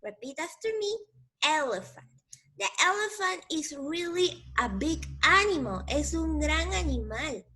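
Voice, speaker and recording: A woman's voice: high-pitched, lively intonation, slow, sharp tone. A woman teacher with a Mexican Spanish accent, giving a patient bilingual English lesson to young children and repeating each word in both languages.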